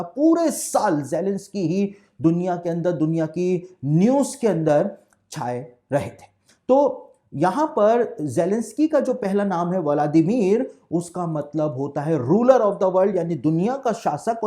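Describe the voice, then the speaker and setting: Male pastor preaching on prophecy, soft dark tone, says everything twice to make sure it lands. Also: high voice. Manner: deliberate and explanatory, restating each point twice. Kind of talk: preaching-style Bible prophecy talk.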